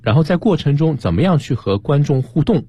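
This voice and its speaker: A man's voice: a little high, a little fast, breathy edge, no room sound. A man hosting a radio English-learning show, chatting with a guest teacher and affirming her points. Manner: lively, affirming interjections. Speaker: radio host. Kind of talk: radio English lesson chat. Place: radio studio. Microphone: studio microphone.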